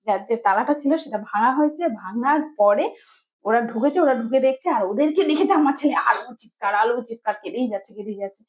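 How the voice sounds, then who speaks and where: Woman, young adult, high voice, casual storytelling, rambling with fillers. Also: rough recording. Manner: chatty, rambling, with many fillers and restarts. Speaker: mother telling a story.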